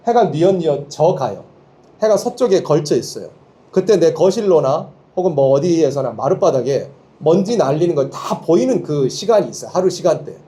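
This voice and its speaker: Man, preacher, sermon to students, call-and-response, animated pitch, warm low timbre. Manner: leads call-and-response, has listeners repeat lines; lively, emphatic teaching with rhetorical questions. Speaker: preacher at a youth Bible school.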